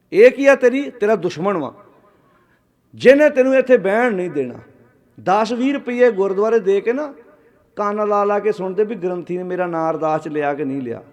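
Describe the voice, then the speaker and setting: A man giving a Sikh sermon, asking rhetorical questions and calling on the congregation to answer aloud. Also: high voice. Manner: calls on the audience to answer aloud. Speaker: Sikh preacher.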